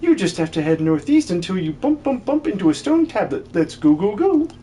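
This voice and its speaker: Here the excitable old hermit, jolly and fussy, is voiced for a game dub with his tic of repeating words in threes. The delivery is brisk and warm in a mid-range voice with big swings in pitch, sounding natural. A little hiss or hum sits in the recording.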